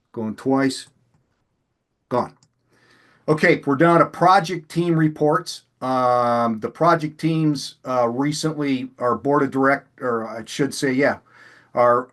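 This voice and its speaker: A man chairing a committee meeting over a video call, chatty and folksy, poking fun at his own talking. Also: mid-range voice. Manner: folksy, chatty, self-deprecating. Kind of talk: casual meeting presentation.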